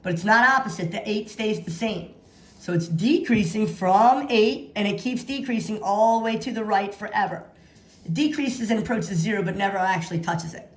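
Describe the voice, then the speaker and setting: A woman's voice: mid-range voice, moderate pace. A woman teaching math in an instructional walkthrough, dictating notation piece by piece and repeating key phrases for emphasis. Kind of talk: instructional walkthrough of practice problems. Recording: echoey room sound.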